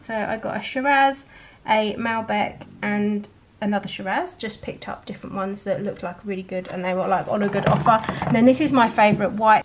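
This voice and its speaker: A middle-aged British woman vlogs a grocery haul indoors at home, chatting casually to camera at a table of shopping and laughing lightly often in a self-amused way. Her voice is mid-range. A handheld camera records her off screen, and there is a little hiss or hum.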